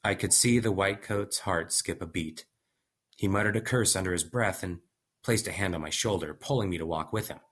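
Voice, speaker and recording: A man with a low voice reads a first-person story aloud as an audiobook. His delivery is measured and steady. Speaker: audiobook narrator.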